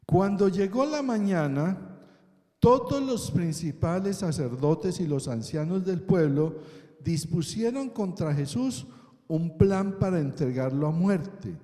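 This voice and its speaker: A man preaches slowly in a big echoing church hall, his high voice rising and falling with lively swings. He keeps asking the congregation questions and checking in with them again and again. His tone stays dark and mellow. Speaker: pastor. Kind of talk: sermon.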